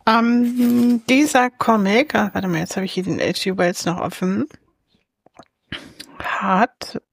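A woman's voice: medium pitch, creaky, a little hiss or hum. A woman co-hosting a casual podcast chat, talking with enthusiasm, thinking aloud and laughing often. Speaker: podcast co-host reviewing comics.

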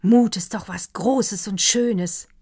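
A woman reading an audiobook, voicing an excitable, effusive middle-aged male doctor. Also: mid-range voice, slow, husky, voice pushed up. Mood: rapturous. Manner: effusive, exclamatory.

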